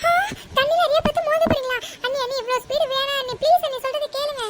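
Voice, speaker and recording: A woman's voice: extremely high pitch, fairly even intonation, racing. A woman voicing Radhika, a fearful, whiny sister-in-law in a cartoon, speaking. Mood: pleading. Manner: whiny, pleading, panicky. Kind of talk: cartoon voice acting. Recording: loud noise with clicks.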